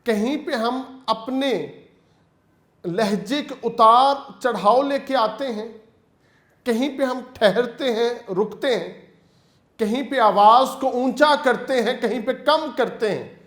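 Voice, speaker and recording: A man's voice: extremely high pitch, fairly bright tone. A male teacher giving an online lecture, explaining step by step in a patient way and calling his students "beta". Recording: echoey room.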